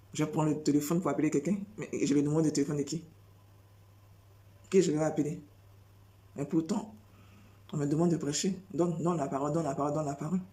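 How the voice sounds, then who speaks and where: Woman preacher, sermon delivery; low, mellow tone, insistent and repetitive, heavy on rhetorical questions. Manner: insistent, repeats phrases and fires rhetorical questions.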